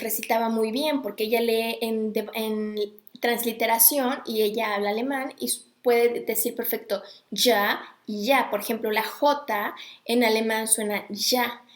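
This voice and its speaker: A woman's voice: on the high side, a bit bright, echoey room. A woman talking casually to viewers, chatty and digressive, stopping to greet people as she goes. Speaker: host. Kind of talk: casual live talk on Sanskrit recitation.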